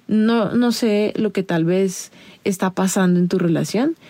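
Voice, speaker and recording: Woman, podcast host, casual advice monologue, confiding direct address, gravelly. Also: medium pitch, mellow, no room sound.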